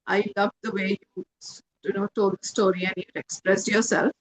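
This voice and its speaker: A woman giving measured, encouraging feedback as a contest judge, with emphatic delivery. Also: mid-range voice, flat delivery, background noise. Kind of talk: spoken feedback and award announcement.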